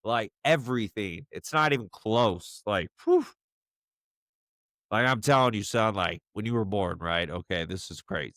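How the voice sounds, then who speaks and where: A man recording a personal video message to his young son, halting and emotional, choked up and full of fillers. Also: on the low side, a bit bright, no echo, studio quality.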